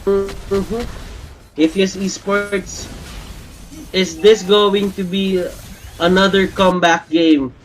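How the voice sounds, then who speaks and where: A man doing live play-by-play commentary on an esports match, shouting high and excited in big plays. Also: slow, long pauses, soft background music, poor audio. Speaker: esports caster.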